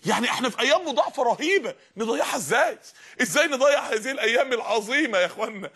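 A man's voice: very high voice, lively intonation, rapid-fire, pushed and bright, husky. A man preaching with an Egyptian Arabic accent, fervent and emphatic, raising his voice at times. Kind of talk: energetic religious lesson.

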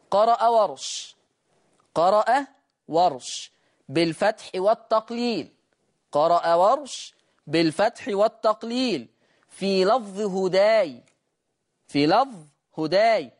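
An Egyptian man teaches Quran recitation in a room with a board. He keeps asking himself questions and answering them, and he slows way down to draw out each demonstrated sound. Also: high voice. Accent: Egyptian Arabic. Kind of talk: recitation lesson.

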